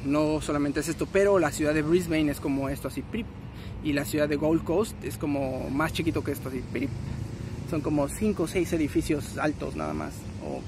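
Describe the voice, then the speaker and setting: A young Mexican man vlogging to his phone in a city park, rambling in casual slang and correcting himself as he goes. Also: fairly high pitch. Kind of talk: casual selfie vlog. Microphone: phone at arm's length. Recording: outdoor noise, passing traffic.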